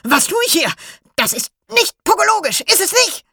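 A woman's voice: very animated, normal speed, creaky, no room sound, clean studio sound, full character voice. A woman voicing a wild, bouncy blue ball creature that shrieks in frantic confusion. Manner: shrill, frantic, loud.

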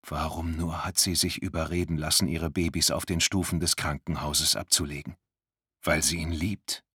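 A man narrating a thriller audiobook in a tense, measured studio reading. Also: rumbling low, steady tone, pushed and bright, slightly rough, no echo. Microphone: close studio mic.

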